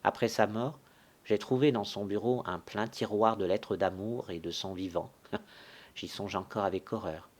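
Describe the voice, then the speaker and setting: A proud, grieving young widow, read by a man in his own voice, speaking low and hushed as she laments, haughty and easily offended. It is part of a solo dramatic reading of a stage farce. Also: fairly even intonation, a little slow. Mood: lamenting. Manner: soft, lamenting, turning haughty and indignant.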